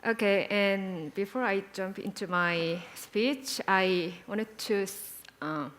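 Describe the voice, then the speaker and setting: Woman, forties, conference panelist. Slow, unhurried delivery, halting with filler words and friendly asides. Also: medium pitch, a bit bright. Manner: hesitant, many fillers, chatty asides. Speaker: panel moderator and speaker. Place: conference hall.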